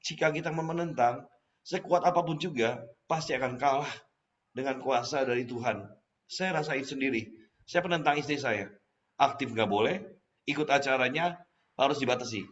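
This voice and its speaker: A man gives a casual church testimony, his voice sitting at an ordinary middle pitch. He tells the story with animated energy and acts out his own past lines. The recording is slightly muffled and dull. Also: normal speed, pauses often. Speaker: testimony speaker.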